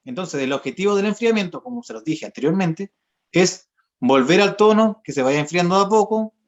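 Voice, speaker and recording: Young guy coaching singers on a video call, high-ish voice, patient, explains step by step. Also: animated, fairly quick. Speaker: voice therapist and singer giving a workshop. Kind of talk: explanatory online lesson. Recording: dull lo-fi video call audio.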